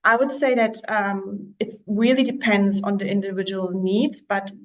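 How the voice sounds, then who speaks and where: A woman's voice: mid-range voice, fairly even intonation, normal speed, low-quality recording. Woman from Slovakia, real estate agent, casual interview, chatty, lots of ums and restarts. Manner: chatty, many fillers and restarts.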